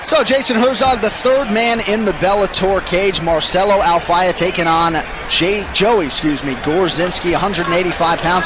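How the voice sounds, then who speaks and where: A man calling a fight as a play-by-play commentator on a live sports broadcast. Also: high voice. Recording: loud crowd and arena noise.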